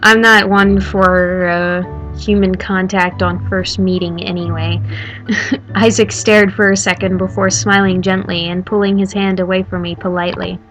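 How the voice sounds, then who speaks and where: A woman's voice: mid-range voice, little pitch movement, a little slow, fairly bright tone, soft background music. Woman reading a story game with sarcastic asides. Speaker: game streamer.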